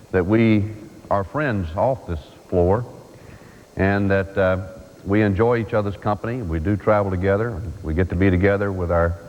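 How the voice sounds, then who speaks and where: A man giving a measured formal speech as a senator in a large chamber, pausing often with fillers, heard from a worn tape copy. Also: low voice, big-room sound, highs cut off, a little hiss or hum. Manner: measured, halting with frequent fillers. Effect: worn VHS tape copy.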